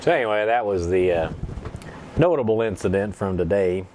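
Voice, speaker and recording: A man chatting casually and telling stories in an unhurried, rambling, folksy way, at times with a pipe in his mouth. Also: on the low side, lively intonation, a little mellow, a little hiss or hum. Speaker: pipe-smoking vlogger. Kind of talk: casual storytelling chat.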